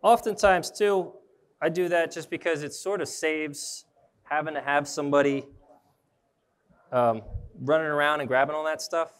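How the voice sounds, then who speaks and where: A man's voice: a little high, steady tone, normal speed, long pauses, smooth. A young man, an arborist trainer, giving a casual live demonstration at an indoor trade show booth and thinking aloud as he handles his gear.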